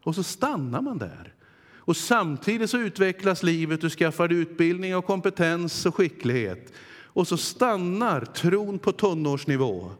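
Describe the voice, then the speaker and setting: A man's voice: sits high, animated. Earnest male preacher in a reverberant hall. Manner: earnest preaching, dramatic pauses, quoting God's voice. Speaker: pastor. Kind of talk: sermon. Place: church hall.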